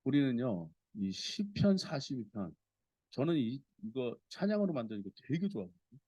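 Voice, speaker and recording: A man preaching a Sunday sermon as a pastor, earnest and expressive, reading scripture aloud with feeling. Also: mid-range voice, moderate pace, breathy edge, dry recording, muffled recording.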